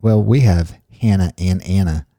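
A middle-aged man hosts a podcast in casual chat, rambling, joking, and wandering off on tangents. His voice is low and warm at a moderate pace, recorded with studio quality and no echo.

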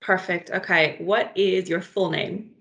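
An enthusiastic woman co-hosting a podcast, running through questions with quick, eager affirmations. Her voice sits a little low and has a gravelly, creaky edge. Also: steady tone, a bit bright, dull audio. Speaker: podcast co-host. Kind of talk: casual interview chat.

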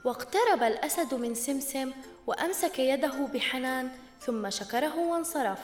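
Female storyteller host, high voice, echoey roomy sound. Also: expressive, moderate pace. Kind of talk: scripted children's story narration. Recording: roomy reverb, long echo, soft music bed. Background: faint background music.

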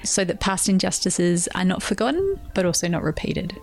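An enthusiastic woman presents in a chatty, casual style. Her voice has a gravelly edge and sits a little low. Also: very animated, moderate pace, faint music behind.

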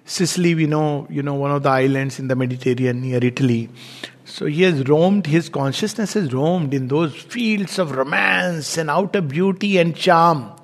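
High-voiced man lecturing in a reverberant hall. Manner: musing, unhurried, frequent chuckles and "you know" fillers. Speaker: lecturer on poetry. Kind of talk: reflective spoken lecture.

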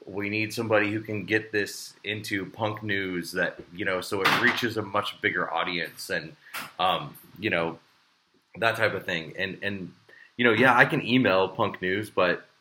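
A man's voice: low voice, a little slow, bright, forceful tone, slight background noise. A man hosting a casual podcast chat, rambling with plenty of fillers and restarts. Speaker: podcast host and show promoter.

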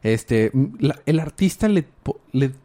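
A man's voice: medium pitch, animated, measured pace, warm tone. Rambling man recapping comics. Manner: rambling, many filler words, chuckles as he retells. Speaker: podcast co-host. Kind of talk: casual comic book discussion.

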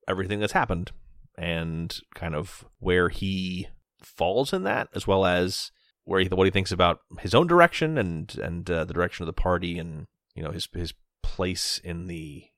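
Deep, gravelly man thinking aloud. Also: fairly bright tone, no room sound, studio quality. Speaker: tabletop game player. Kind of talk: casual talk about a role-playing game.

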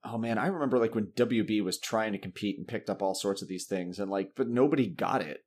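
A man hosting a podcast in casual chat, animated, laughing often and swearing freely. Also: lowish voice, fast. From Massachusetts. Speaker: podcast host.

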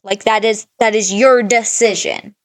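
A woman's voice: mid-range voice, fairly even intonation, unhurried, no echo, studio quality. A woman in her thirties co-hosting a podcast, giving blunt, emphatic advice in casual chat and swearing often. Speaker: podcast co-host.

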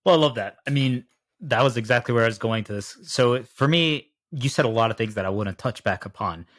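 A man hosting a casual podcast interview, talking at length in a rambling, animated way. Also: mid-range voice, brisk, no echo, studio quality. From United States. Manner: talkative, rambling, animated storytelling. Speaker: podcast host.

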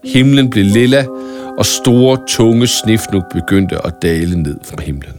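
A man reading a scripted Christmas story aloud in a calm, even storytelling manner with small stumbles now and then. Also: lowish voice, loud music behind the voice. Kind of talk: scripted audiobook narration of a Christmas tale.

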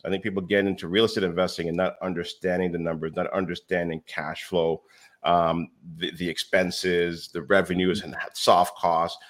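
A man with a deep, low voice speaks as a podcast guest. He tells his stories with energy, acting out the dialogue. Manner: animated storyteller, acts out quoted dialogue. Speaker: real estate education company founder.

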